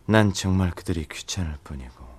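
A man playing a gloomy, aloof demon lord in an audio drama, with a languid, brooding dark-lord delivery. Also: low-pitched, animated, fairly quick, slightly rough. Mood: cold, dismissive.

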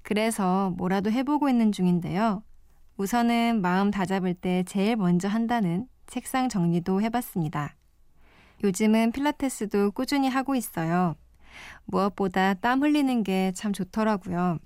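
Calm woman hosting late-night radio. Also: mid-range voice, normal speed, clean tone, dry recording, studio quality. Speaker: guest radio DJ. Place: radio studio.

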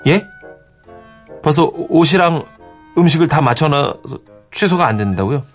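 A man's voice: on the high side, lively intonation, normal speed, soft background music. A man voicing a timid, gullible brother-in-law in a radio comedy skit, stammering and panicking.

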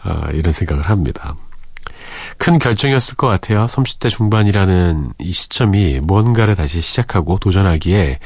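Deep-voiced man hosting late-night radio. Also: expressive, moderate pace, no echo, clean studio sound. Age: 40s. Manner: easygoing and chatty, with soft breathy asides. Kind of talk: late-night radio talk, reading listener messages. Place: radio studio. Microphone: close studio microphone.

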